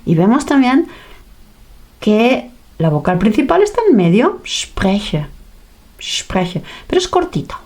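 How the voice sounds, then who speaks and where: Slow, playful woman teaching a lesson. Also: fairly high pitch, sing-song, a little mellow. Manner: playful, drawn-out sounds and mimed reactions. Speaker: language teacher.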